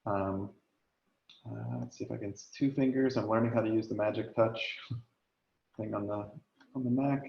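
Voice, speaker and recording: A man hosts an online meeting, sharing his screen and chatting casually with lots of fillers as his voice gives out and he keeps clearing his throat. His fairly low, creaky voice holds a steady tone at normal speed, with long pauses. The video-call audio is echoey and lo-fi.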